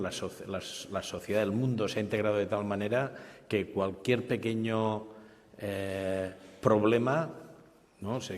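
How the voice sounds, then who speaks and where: A man speaking on a conference panel, stammering into restarts and tagging his points with questions. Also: lowish voice. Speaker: business school panelist. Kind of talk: panel discussion. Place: conference stage. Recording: reverberant conference hall.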